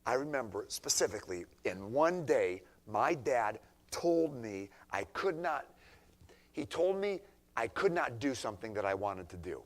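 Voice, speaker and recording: Male preacher, mid-pitched, talking to teens in church; casual, drops to a near-whisper, then punches points. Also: big pitch swings, a little slow. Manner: conversational, swings from hushed to emphatic. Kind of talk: sermon to teenagers.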